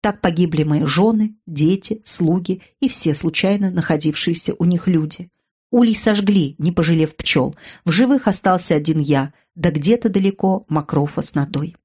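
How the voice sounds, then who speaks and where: A woman's voice: on the low side, moderate pace, darkish tone, breathy edge. A woman narrating a dramatic audiobook, raising her voice for the characters' cries.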